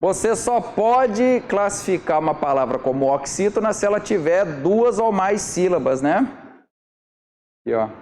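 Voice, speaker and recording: Lively-voiced male exam tutor. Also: high voice, a little hiss or hum. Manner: keeps checking in with the listener. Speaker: exam prep teacher. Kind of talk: explaining exam questions step by step.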